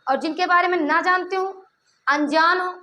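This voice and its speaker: A woman's voice: very high voice, normal speed, bright, forceful tone. A woman teacher giving a classroom lesson, asking pupils questions and echoing their answers back with playful asides. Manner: keeps quizzing pupils, repeating answers back. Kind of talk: classroom lesson with call-and-response.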